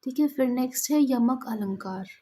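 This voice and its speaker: A woman teaching an exam-prep lesson, explaining terms and reading verse examples aloud with pauses. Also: fairly high pitch, mellow, breathy edge, low-quality recording.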